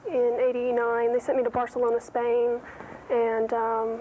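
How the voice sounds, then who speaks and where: American woman in her 20s chatting as a tv guest, highish voice, old tape with clear hiss. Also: monotone, moderate pace, narrow, tinny audio. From United States. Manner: casual, answers in loose run-on sentences. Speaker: fashion designer guest. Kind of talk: studio interview. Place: TV studio. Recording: noisy early-1990s TV audio.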